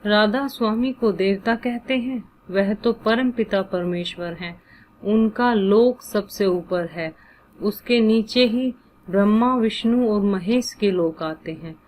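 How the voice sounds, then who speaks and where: Touchy older wife, devout, snaps back quick and indignant, a woman reading it. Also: medium pitch, darkish tone, a little hiss or hum, close to an everyday voice.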